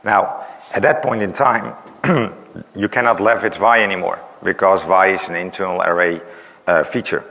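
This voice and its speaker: With a low, pushed and bright voice and fairly even intonation, a presenter explains things at a moderate pace during a technical conference talk. His voice is failing, he leans on "uh"s and "right?" tags, and the large conference hall echoes around him.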